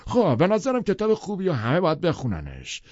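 A man's voice: fairly high pitch, wildly swooping pitch, no room sound, dull audio, voice pushed up. A man putting on a blustering, brash rich man. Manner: forceful and lecturing. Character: brash blustering wealthy man, loud and opinionated.

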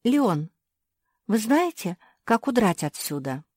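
A woman voicing a kind, polite seamstress who talks gently. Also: medium pitch, big pitch swings, slow pace, breathy edge, dry recording, clean studio sound, pitched above the performer's own voice, full character voice. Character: kind, practical female seamstress, gentle caretaker.

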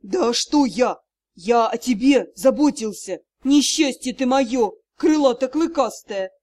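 A woman reads a brash male dragon in an audiobook, a doting cat-father with a cheeky streak. He talks loud and teasing and acts innocent. The voice sits fairly high and swings widely. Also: animated, takes it slowly.

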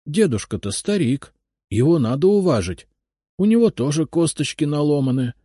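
A man reading a story aloud, voicing a kindly old grandmother who soothes a boy in a soft, raised voice. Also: fairly high pitch, slightly rough, dry recording, studio quality, voice pushed up, exaggerated voice.

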